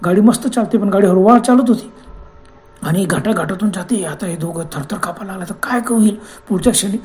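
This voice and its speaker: A woman's voice: mid-range voice, brisk, a little mellow, a little hiss or hum. A woman storyteller narrating a horror story in a dramatic, suspense-building way.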